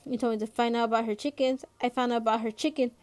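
Lady doing a defensive teen boy, quick to argue, higher voice, storybook read-aloud. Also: fairly even intonation, a little mellow, lightly acted.

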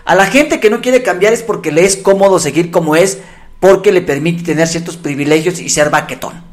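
A man's voice: high-pitched, brisk. A middle-aged man, co-hosting a casual talk show and acting out his own inner thoughts as he reflects. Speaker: podcast co-host. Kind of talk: casual chat.

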